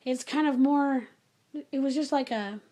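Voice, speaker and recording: A woman with a high, light voice recounts a story from her own life. She talks in a chatty, animated way and keeps dropping in little asides to the listener. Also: measured pace. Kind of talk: casual spoken storytelling.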